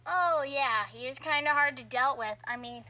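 A woman's voice: high voice, normal speed, muffled recording, over a noisy crowd, natural voice. A young woman voicing a chirpy kangaroo character who hosts a fan video. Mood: chatty. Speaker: reaction video host character.

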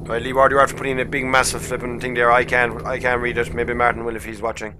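A man's voice: medium pitch, monotone, quick pace. A man with a west of Ireland Kerry accent, chatting casually and informally as he streams a game. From County Kerry, Ireland. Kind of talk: casual livestream chat. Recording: noisy mic with loud vehicle hum.

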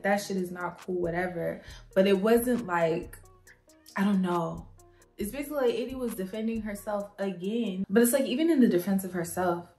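A woman's voice: medium pitch, echoey room. A young woman hosting a podcast, talking casually and with a lot of animation, acting out quotes and swearing freely. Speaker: podcast host. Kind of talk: casual commentary.

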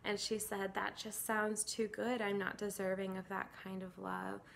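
A woman's voice: mid-range voice, monotone, moderate pace, gravelly, fairly bright tone, slight background noise. A woman in her thirties sharing an earnest, emotional church testimony to a close phone camera indoors, with many fillers and laughs. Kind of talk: casual spoken testimony to camera. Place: indoors against a plain grey wall.

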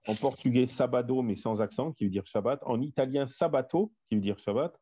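A man's voice: medium pitch, a little fast, dark tone, slightly rough, no room sound. A man leading a casual Bible study discussion over an online voice chat, talkative and repeating himself with many fillers.

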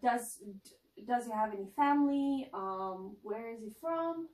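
Seated on a couch in an indoor lounge set, an upbeat interviewer and announcer in her 20s leads a casual chat, bubbly and full of ums and restarts. Her fairly high, slightly mellow voice is lively but measured in pace, recorded by a distant camera mic in an echoey room.

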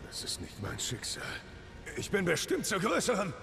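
A man's voice: high-pitched, wildly swooping pitch, normal speed, vocal fry, noisy background, heavily acted. A male actor voicing a fanatical villain leader in a dubbed video game, grandiose and menacing. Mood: fervent.

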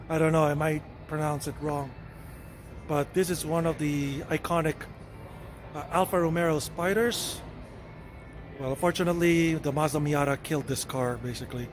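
A man's voice: fairly high pitch, steady tone, moderate pace, pauses often, noisy background. A man, walking through a car museum and talking casually to camera, rambling and correcting himself as he goes. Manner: chatty, rambling, self-correcting, hedges often. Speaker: vlogger touring a car museum. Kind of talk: casual walkthrough narration. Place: indoor car museum hall.

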